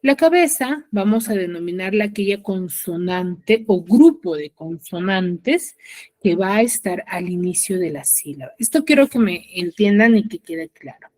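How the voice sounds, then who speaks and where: A woman teacher with a Peruvian Spanish accent leads an online class in a mid-pitched, everyday voice. She talks patiently, stressing and repeating the key terms. She keeps pausing to check that her students follow. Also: expressive, a little mellow.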